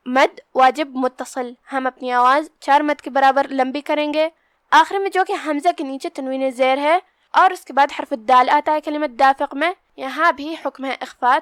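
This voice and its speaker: High-voiced woman teaching Quran recitation. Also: a bit bright, no room sound, clean studio sound. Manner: slow measured recitation between plain explanations. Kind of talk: tajweed lesson.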